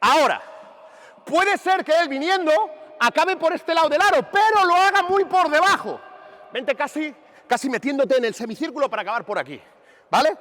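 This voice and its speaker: A lively man leads a basketball clinic, his voice high and bright as it swings up and down. He keeps drilling his players with rapid questions. The sound carries a long echo a big sports hall, picked up some distance. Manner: animated and emphatic, drilling players with constant questions. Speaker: basketball coach running a clinic. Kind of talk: on-court coaching demonstration. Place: large indoor sports hall. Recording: reverberant gym recorded from a distance.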